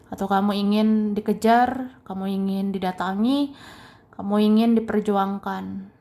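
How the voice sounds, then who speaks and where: A young woman giving a casual tarot card reading, repeating phrases and chuckling softly as she goes. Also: mid-range voice. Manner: slow, repetitive phrasing with soft chuckles. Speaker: tarot reader.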